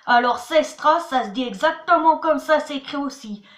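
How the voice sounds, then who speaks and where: A woman with a high, slightly bright voice speaks at a normal speed. She hosts a channel and teaches words in a chatty homemade lesson, spelling letter by letter and leaning on "voilà" and "attention." The room is echoey.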